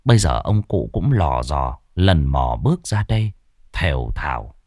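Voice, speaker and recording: A man narrating a ghost story in an expressive storytelling manner. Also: low-pitched, normal speed, no echo, studio quality.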